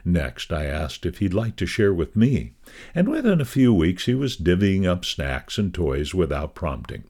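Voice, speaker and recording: Reading a devotional magazine column aloud, a very low-voiced man keeps a measured, scripted pace. His pitch rises and falls in broad, lively arcs, and that steady, expressive delivery never changes.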